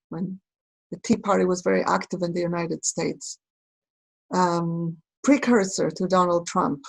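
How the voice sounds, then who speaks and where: A woman from Israel speaking reflectively in a recorded conversation, pausing and searching for her words. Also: mid-range voice, vocal fry, rough recording. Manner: thoughtful, halting, searching for words. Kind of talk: reflective talk.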